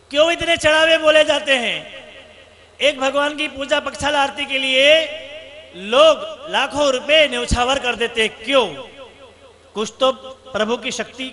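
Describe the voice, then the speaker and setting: Man, monk, sermon, storytelling, rhetorical questions, very high pitch. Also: bright, forceful tone. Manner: rhetorical questions, emphatic repetition. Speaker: monk preacher.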